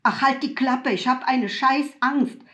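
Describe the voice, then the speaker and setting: A woman's voice: high-pitched, very animated, slow pace, roomy sound, heavily acted. A woman voicing a frightened young woman who snaps back in a story reading. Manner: snappish, scared. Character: frightened young woman alone in a dark forest. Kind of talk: audiobook reading.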